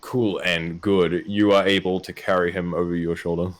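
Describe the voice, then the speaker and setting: A man's voice: low-pitched, little pitch movement, moderate pace. A man as game master, running a tabletop game in a casual, hesitant way.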